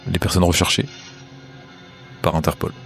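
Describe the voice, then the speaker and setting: Guy game mastering, really low gravelly voice, kinda halting, music behind him. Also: completely flat delivery, a bit bright. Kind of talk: improvised tabletop role-play narration.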